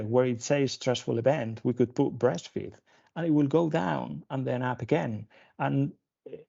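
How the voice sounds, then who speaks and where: A pediatrician from Spain giving a webinar lecture, talking through slides with many fillers and restarts. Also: male voice, mid-range voice, vocal fry, dark tone. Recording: dull lo-fi webinar audio.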